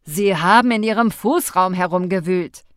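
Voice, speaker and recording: A woman's voice: fairly low pitch, moderate pace, no echo, clean studio sound, lightly acted. A woman doing a furious young man driver. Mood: angry. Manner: loud, indignant, clipped. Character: angry tall young man, curt, shouting driver.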